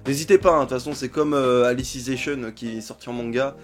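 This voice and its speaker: A man's voice: mid-range voice, steady tone, quick pace, faint music behind. A young man hosting a casual talk, reading out viewer comments and rambling with many fillers and restarts. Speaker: manga video host.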